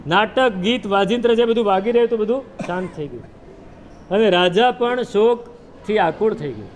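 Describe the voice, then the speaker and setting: A man's voice: high-pitched, animated, normal speed, a little hiss or hum. A man preaching a sermon, retelling a scripture story with rhetorical questions and chanted verses.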